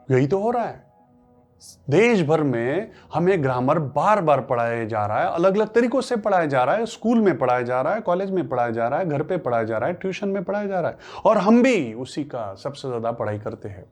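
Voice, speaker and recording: A man's voice: fairly high pitch, a little mellow. A man whose first language is Marathi, teaching a spoken English lesson in Hindi. He asks questions, answers them himself, and repeats phrases for emphasis. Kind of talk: classroom-style lesson.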